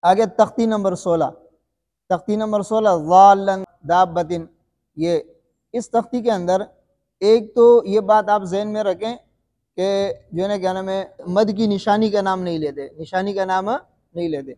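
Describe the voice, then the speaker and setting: A man teaching Quran recitation rules in a lesson, who keeps asking his students questions, answers them himself, and slowly draws out example recitations. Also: high-pitched, warm tone, in a large hall. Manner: slow, drawn-out demonstration recitations. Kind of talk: classroom-style recitation lesson.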